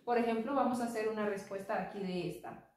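A woman teaching an English lesson, explaining slowly and patiently. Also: mid-range voice, a little mellow, recorded from a distance. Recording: echoey room, voice from off-mic.

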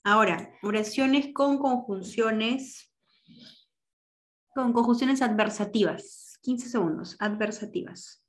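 A woman's voice: fairly high pitch, slow. A woman teacher running an online class, giving directions and patiently explaining grammar with examples.

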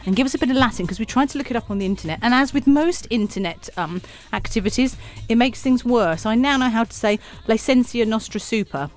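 A woman's voice: on the high side, quick pace, few pauses. A woman hosting a live hospital radio show from a small studio, bubbly and teasing, often giggling between lines.

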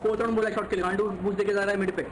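A man's voice: high voice, little pitch movement, racing, noisy background. A man playing in a tournament who fires off urgent callouts on team voice chat, repeating them over and over. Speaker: tournament player. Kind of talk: team voice chat during a match. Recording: voice chat over loud game gunfire.

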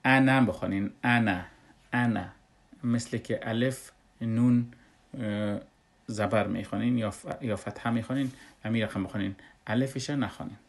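A man teaches Quran recitation patiently, step by step. He speaks in an unhurried way and often stops on a long "uh" before going on. He sounds like a teacher walking through a lesson. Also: on the low side, steady tone, darkish tone. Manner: unhurried, with frequent drawn-out "uh" pauses. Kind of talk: step-by-step tajweed lesson explanation.

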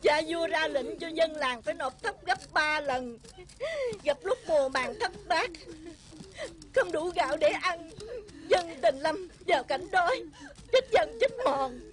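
A woman voicing a starving village woman who speaks through tears in a very high, mournful voice. A crowd murmurs clearly behind her. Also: lively intonation, measured pace. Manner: mournful, tearful. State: crying.

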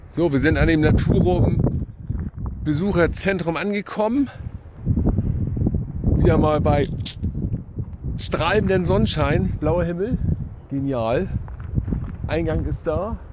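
Outdoors by a lake and inside a wooden hut, a man in his fifties films himself at arm's length for a travel vlog. He chats casually and rambles, frequently correcting himself, in a fairly high voice at a slow pace with long pauses. The recording is very noisy.

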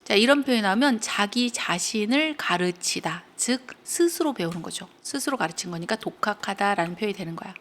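A woman's voice: mid-range voice, animated, brisk, few pauses, fairly bright tone. A woman teaching English grammar to students, explaining step by step and checking in with them often as she retells a story.

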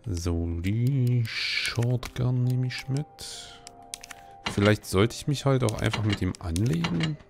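A man's voice: medium pitch, lively intonation, slow, vocal fry. A middle-aged man giving casual let's play commentary, muttering and swearing to himself. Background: loud game music.

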